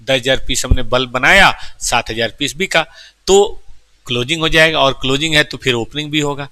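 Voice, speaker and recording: A man lecturing a class explains every term step by step in a very bright, keen, mid-range voice at normal speed. Fond toward his students, he calls them "beta" and keeps asking them questions, recorded dry and close without room echo.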